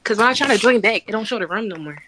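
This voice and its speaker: A woman in her twenties chatting on a video call in quick slang, as the contestant choosing a date. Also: medium pitch, expressive, pushed and bright. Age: 20s. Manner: quick slangy replies, apologetic. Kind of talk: casual chat on a video call.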